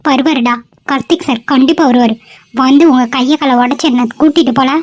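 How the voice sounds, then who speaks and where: A woman's voice: high voice, steady tone, fairly quick. A woman voicing a captive young woman who pleads and threatens her kidnappers, in a cartoon. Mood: defiant. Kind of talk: cartoon voice acting.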